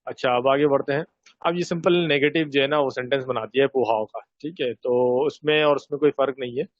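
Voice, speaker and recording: A man teaching a recorded Chinese lesson, explaining sentences step by step and repeating Chinese phrases slowly. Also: mid-range voice, no room sound. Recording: dull, dry lo-fi recording.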